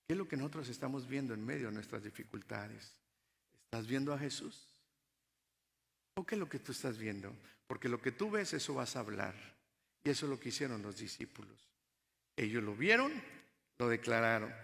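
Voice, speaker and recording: A male pastor preaching a sermon in a dramatic style, moving from loud exclamations to hushed, low passages, recorded in a church sanctuary. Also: very animated, moderate pace, gravelly, pauses often. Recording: long hall reverb from the church.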